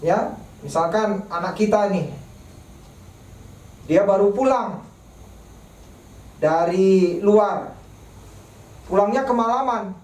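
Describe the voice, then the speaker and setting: A woman preaching a sermon in church, speaking slowly and deliberately and asking rhetorical questions of the congregation. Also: mid-range voice, a little mellow. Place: church service broadcast online. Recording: echoey church room, mic at a distance.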